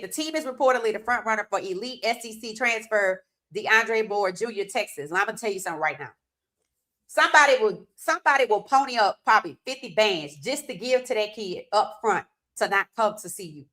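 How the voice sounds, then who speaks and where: A congested woman with a cold hosts a sports podcast, her medium-pitched voice brisk, pushed and bright with lively intonation. She keeps the casual sports commentary chatty and loose, talking straight to viewers.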